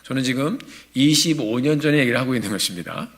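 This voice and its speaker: A male pastor in his forties preaching a sermon in a church, telling a story in a lively, animated way. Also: mid-range voice, fast. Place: church sanctuary.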